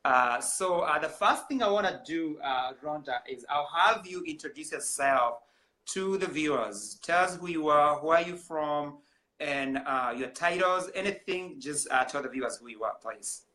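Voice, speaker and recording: A Kenyan man hosting a casual online interview over a video call. His voice is bright and sits a touch high for a man. He talks in an easygoing, halting way with frequent pauses. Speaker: host.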